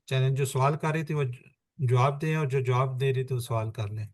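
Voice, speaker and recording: Male online tutor, mid pitch, patient and repetitive, video-call mic. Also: steady tone. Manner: patient, repeats points step by step. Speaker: Quran grammar teacher. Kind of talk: online class lesson.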